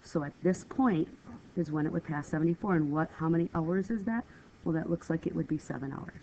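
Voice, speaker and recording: Speaking a little fast in a low voice, a woman narrates a math lesson on a screen recording, going step by step with patience and a touch of apology. A cold leaves her slightly congested, and the dull lo-fi capture carries a faint hiss.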